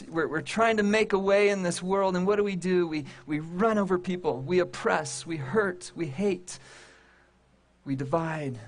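A man preaching a sermon to a congregation, with emphatic, repetitive phrasing and dramatic pauses. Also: sits high, a bit bright. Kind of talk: sermon to a congregation and online audience.

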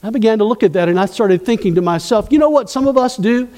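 A man's voice: high-pitched, fast talker, darkish tone, in a large hall. A man preaching a sermon as pastor, asking the congregation questions as he goes.

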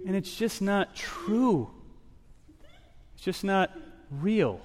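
A man in his thirties delivers a church sermon with a slightly high voice. He talks earnestly and drives his points home with "right?" asides. His voice trails off into the long reverb of a large sanctuary. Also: drawn-out words. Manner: earnest, builds to raised animated passages, many "right?" asides. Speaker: pastor.

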